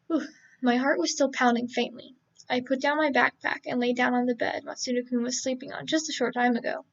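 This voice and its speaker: A woman's voice: high voice, little pitch movement, a little fast, creaky, muffled recording. A woman reading a novel aloud on a casual live stream, stumbling, correcting herself and adding joking asides.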